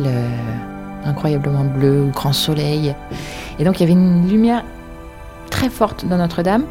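A woman in her forties from Paris, an archaeologist guiding visitors and talking with frequent hesitations. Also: low-pitched. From Paris, France. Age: 40s. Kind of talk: guided tour interview.

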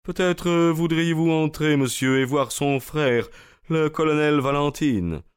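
Man putting on a high solemn old butler. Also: measured pace, clean tone, close to an everyday voice. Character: solemn elderly male butler, formal.

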